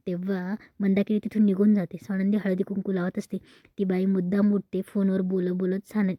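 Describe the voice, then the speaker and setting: A woman retelling a TV serial episode in a steady, plain narration. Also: mid-range voice, no echo, highs cut off.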